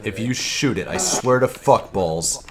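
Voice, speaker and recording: A man streaming a shooter game, swearing loudly, yelling and laughing as he plays. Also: lowish voice, lively intonation, measured pace, noisy background. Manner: loud, profane, yelling and laughing often. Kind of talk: casual livestream gaming chat.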